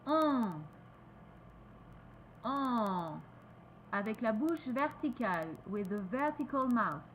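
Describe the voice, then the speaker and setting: A woman with a French accent teaching pronunciation, repeating each word slowly and switching between French and English. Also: on the high side, lively intonation, fairly bright tone, a little hiss or hum, rough recording. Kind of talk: slow, careful pronunciation lesson.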